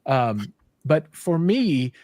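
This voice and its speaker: A man's voice: medium pitch, big pitch swings, drawn-out words, mellow, no room sound. A man in his fifties hosts a casual livestream chat. His speech is self-deprecating and stop-start, full of restarts. His voice sounds close and dry, with no room around it. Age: 50s. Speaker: show host.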